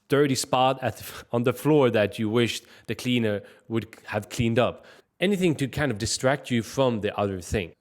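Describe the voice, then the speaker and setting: A man's voice: on the low side, darkish tone. A man from Sweden, giving direct, conversational advice in a casual fitness vlog. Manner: direct, conversational, frequent "like" and "I mean" fillers. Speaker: fitness vlogger.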